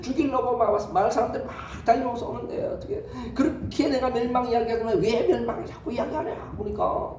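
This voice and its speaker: A man's voice: very high voice, a little fast, few pauses, darkish tone. A male pastor preaching a sermon, telling the story with lots of rhetorical questions. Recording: echoey hall, distant mic, faint noise.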